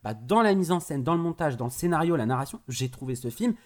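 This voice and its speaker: Man, fairly high voice, eager film critic in loose conversation, stumbles and restarts. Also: lively intonation, fast, a little mellow. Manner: enthusiastic, restarts phrases often. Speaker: film reviewer. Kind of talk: casual film review chat.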